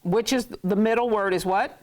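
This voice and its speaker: A woman's voice: mid-range voice, moderate pace, darkish tone. A woman teaching a class who jokes with her students, laughs often and repeats words to drill them. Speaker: Hebrew teacher. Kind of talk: classroom lesson.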